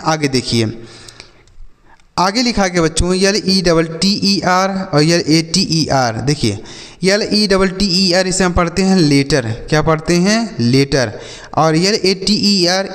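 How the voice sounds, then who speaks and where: A man's voice: high voice, lively intonation, measured pace, fairly bright tone, big-room sound. A man teaching children English spellings and meanings, spelling words out letter by letter and answering his own questions.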